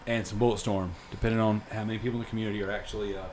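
A man in his thirties hosting a podcast, telling a long story in casual chat, rambling and animated with plenty of fillers. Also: fairly low pitch, rapid-fire, a little hiss or hum. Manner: rambling and animated, lots of fillers like dude and freaking. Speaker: podcast host.

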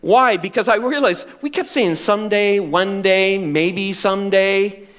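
A middle-aged male pastor preaching a sermon with animated, self-deprecating humor. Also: high voice, a little slow.

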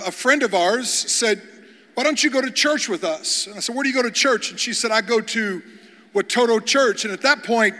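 A guest pastor from Kentucky, USA, with a very high, sharp voice, tells humorous stories in a sermon before an audience in a large church hall. He often repeats words as he begins sentences, and the hall adds a long reverb.

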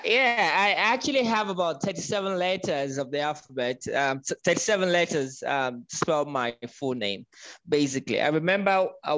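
A man's voice: a little high, fairly bright tone, dry recording, rough recording. A man from Nigeria, a guest in a conversational interview, talking with many ums and restarts.

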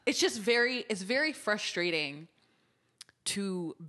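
A woman's voice: medium pitch, expressive, slow, sharp tone. American woman, candid podcast co-host. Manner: candid, informal, swears freely. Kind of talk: casual podcast discussion of news.

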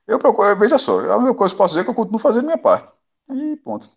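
A man's voice: sits high, huge pitch swings, very fast, creaky, slightly rough. A man from on a casual panel, speaking bluntly and repeating slang fillers.

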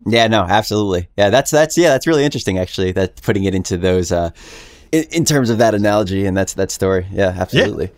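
A man's voice: on the low side, animated, fast talker. A man hosting a podcast, chatting casually and agreeably, with many fillers, as he reads out listener questions. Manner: agreeable, affirming, filler-heavy. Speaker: podcast host. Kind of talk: casual interview chat.

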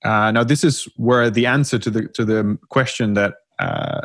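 A man's voice: lowish voice, normal speed, gravelly, no room sound. Chatty man explaining a court case. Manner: animated, self-mocking, frequent restarts. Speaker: podcast co-host. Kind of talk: casual expert discussion.

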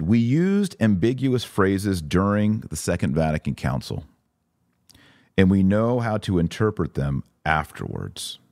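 Speaking in a low, slightly mellow voice, a man hosts a religious-commentary podcast for a live online audience. He's emphatic, using rhetorical questions and playing out imagined objections; the recording is dry and studio quality.

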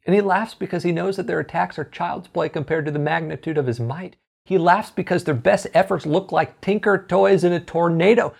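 A preacher delivering a sermon, emphatic and exhorting, slowing down on key phrases. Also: medium pitch, creaky.

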